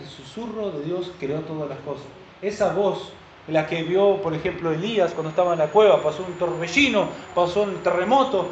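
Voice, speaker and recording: A man preaching, his voice sitting high, keeps firing questions at the congregation. The recording is dull and lo-fi, with the roomy echo of a church hall and a faint hiss behind. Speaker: pastor. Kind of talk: sermon.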